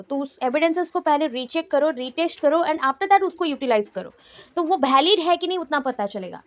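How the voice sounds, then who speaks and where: A woman's voice: high voice, no room sound. A woman teaching an online class, explaining in mixed Hindi and English, repeating key terms and checking in with her students. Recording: dull lo-fi audio.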